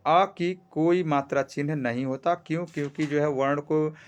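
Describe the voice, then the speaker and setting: A man with a fairly high, steady, clear and resonant voice teaches a grammar lesson step by step. He explains slowly, stretching vowels to show the sounds, and keeps checking in with "theek hai" (ठीक है).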